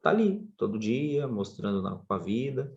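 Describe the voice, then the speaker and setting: A man from Brazil, a podcast guest and surf instructor telling stories in a casual interview, his pitch jumping up expressively. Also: sing-song, normal speed, vocal fry, a little mellow, dull audio.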